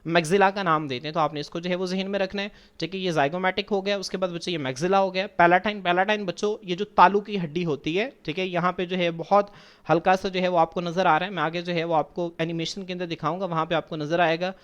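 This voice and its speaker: A man with a high, steady, fairly bright voice talks fast as he teaches biology over slides; his tone is clear and resonant, but the sound is lo-fi. He is patient, repeats points, asks and answers his own questions, calls his students children, and mixes English science terms into his speech during this classroom lecture.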